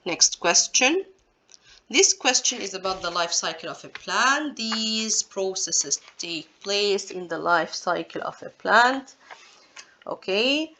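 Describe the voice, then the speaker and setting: A woman's voice: mid-range voice, expressive, takes it slowly, bright, forceful tone. A woman teaching science, walking through exam answers step by step and asking her students rhetorical questions. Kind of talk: exam walkthrough lesson.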